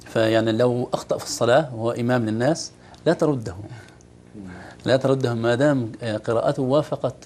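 Man teaching Quran recitation, quick speech. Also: mid-range voice, darkish tone, a little hiss or hum. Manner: demonstrates recitation, then explains pronunciation.

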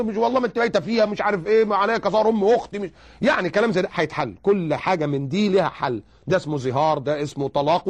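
A man with an Egyptian accent giving religious advice, animated and full of rhetorical questions. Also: sits high. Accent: Egyptian Arabic. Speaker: preacher.

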